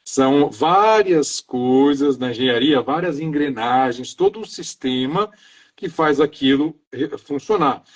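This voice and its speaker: A middle-aged Brazilian maintenance engineer talks earnestly in a casual live interview, loosely chaining his thoughts with "então" and "né." His voice is medium-pitched with lively intonation, and he speaks a little slowly.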